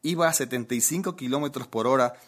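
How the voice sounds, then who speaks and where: A man's voice: mid-range voice, fast. A man preaching a sermon, telling a funny anecdote and asking his listeners questions. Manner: lively anecdote-telling, asks the audience questions. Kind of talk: humorous sermon storytelling.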